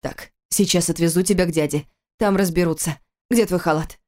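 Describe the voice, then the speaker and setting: A young husband, read by a woman narrating the story, spoken low and hushed. The voice stays close to the reader's own deep, mellow tone and does not reach for a man's register. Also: fairly quick, close to an everyday voice. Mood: worried. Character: young husband, eager then alarmed.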